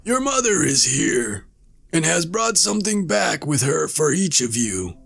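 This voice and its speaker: A man's voice: fairly high pitch, sing-song, measured pace, vocal fry, a bit bright, slightly rough, pitched above the performer's own voice, full character voice. A man voicing a sly, deceiving male wolf in a read-aloud storybook, falsely sweet and wheedling.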